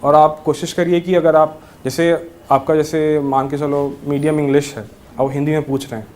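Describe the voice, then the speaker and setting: A man's voice: a little high, little pitch movement, moderate pace, a little mellow. A young man giving friendly, reassuring interview advice and mixing English words into his Hindi. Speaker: interview guest, newly selected civil judge.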